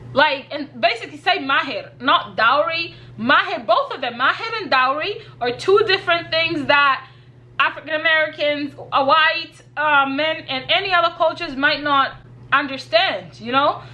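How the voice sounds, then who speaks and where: On her vlog, a young Kenyan YouTuber gives earnest, casual advice, repeating her points and laughing lightly. Her voice sits high and sounds bright and forceful.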